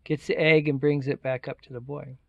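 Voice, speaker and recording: Gravelly man telling a folktale casually. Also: mid-range voice, level tone, brisk, a bit bright, no room sound, highs cut off. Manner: loose, chatty, repeats words, fillers like "like". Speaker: storyteller. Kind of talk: casual oral retelling of a folktale.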